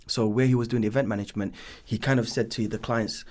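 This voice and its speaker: Born in Bangladesh and raised in East London, this business founder in his thirties speaks with a London accent as a podcast guest. His medium-pitched, darkish voice moves quickly with fairly even intonation. He rambles casually through his life story, full of ums and "should I say".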